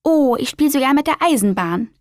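A woman's voice: a little high, fairly quick, no echo, clean studio sound. A woman voicing a cheerful, curious little girl spider in a children's story, speaking eagerly. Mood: excited. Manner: eager, bright, excited.

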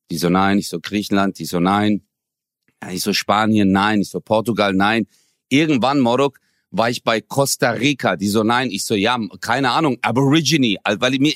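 A man in his forties from Germany, co-hosting a podcast and telling a story in a lively, slangy way, acting out the dialogue. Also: lowish voice, no echo, clean studio sound. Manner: animated, slangy, acts out quoted dialogue. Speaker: podcast co-host. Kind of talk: casual storytelling chat.

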